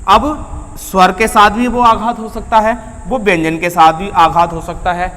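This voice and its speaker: A man's voice: sits high, fairly even intonation, unhurried, pushed and bright, in a large hall. A man teaching a Hindi grammar lesson to students, asking questions and answering them himself and calling them "beta" and "bhaiya". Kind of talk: classroom lecture.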